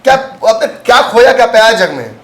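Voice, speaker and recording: A man's voice: very high voice, sing-song, fairly quick, echoey room. A man, hosting and giving casual political commentary in an emphatic, argumentative way, slipping in English phrases. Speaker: political commentator and show host.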